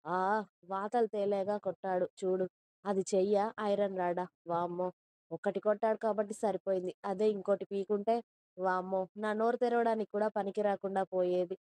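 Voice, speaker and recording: Lovesick stubborn young woman, read by a woman, pleading, warm smooth voice, dry sound. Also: mid-range voice, little pitch movement, moderate pace, no room sound, natural voice. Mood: complaining. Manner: pleading, tearful. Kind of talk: audio story reading.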